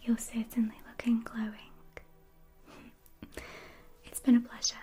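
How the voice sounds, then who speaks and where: Female, soft spa whisper for a whispered role-play as an attentive therapist; dark, relaxed tone. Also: on the high side, quick pace, soft background music.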